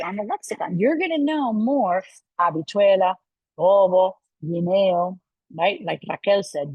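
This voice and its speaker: A middle-aged woman giving a university lecture in a lively way, often checking in with her listeners. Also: medium pitch, slightly rough, no echo, muffled recording. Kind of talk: lecture to a live audience.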